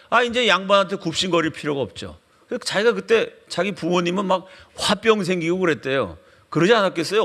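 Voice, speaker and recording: Animated gravelly pastor telling stories. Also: male voice, high voice. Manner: animated, acts out anecdotes with quoted voices. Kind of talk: storytelling sermon lecture.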